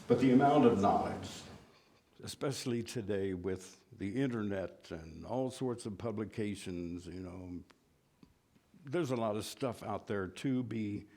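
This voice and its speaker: A man's voice: fairly low pitch, measured pace, warm tone. A man from West Virginia teaching a church Bible class in a folksy, self-deprecating way, asking the class questions.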